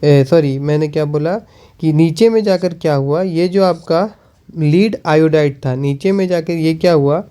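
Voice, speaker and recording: Man teaching slowly, mellow voice. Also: fairly high pitch, clear, resonant tone. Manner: repeats questions and answers them, slow while writing. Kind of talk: chemistry lesson.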